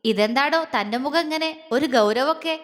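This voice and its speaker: A kind father-in-law, soft and coaxing as he comforts, as a woman storyteller puts him on. The voice stays high, wrapped in a lingering reverb. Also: moderate pace, lightly acted. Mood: tender. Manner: tender, coaxing. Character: gentle, caring middle-aged father-in-law.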